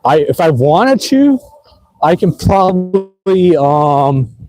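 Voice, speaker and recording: A man's voice: fairly high pitch, big pitch swings, slow, warm tone, rough recording. Laid-back man rambling on a ride. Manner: rambling, laid-back, lots of fillers and laughs. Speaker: e-bike vlogger. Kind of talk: casual livestream narration while riding. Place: outdoors on city streets at night.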